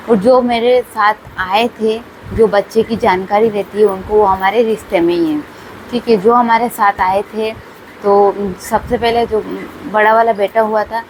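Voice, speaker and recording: A woman's voice: on the high side, rough recording. A young woman vlogger telling her own story in a casual, chatty way, repeating herself often. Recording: faint background noise.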